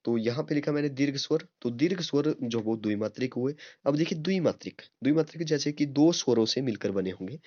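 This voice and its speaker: A man's voice: mid-range voice, darkish tone, dry recording. A young man teaching a step-by-step online grammar lesson, often checking in with listeners and sounding out vowels to demonstrate them. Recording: dry, slightly dull home recording.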